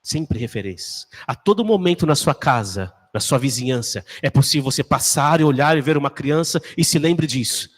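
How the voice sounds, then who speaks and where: A man's voice: mid-range voice, lively intonation, moderate pace, hardly any pauses, in a large hall. A man in his thirties, a pastor preaching a conversational sermon full of rhetorical questions. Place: church.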